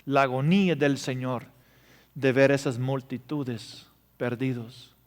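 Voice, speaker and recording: A man preaching a sermon, telling emotional stories and swinging between loud passages and hushed ones. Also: medium pitch, steady tone, slow pace. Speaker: pastor. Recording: reverberant hall.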